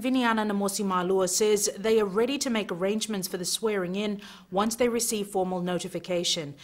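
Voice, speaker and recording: A young woman reading scripted news as an anchor. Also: mid-range voice. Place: television studio.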